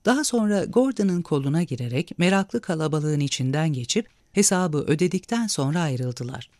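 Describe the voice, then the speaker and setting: A man narrating a story aloud with an expressive, measured reading. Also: fairly high pitch, no room sound, studio quality.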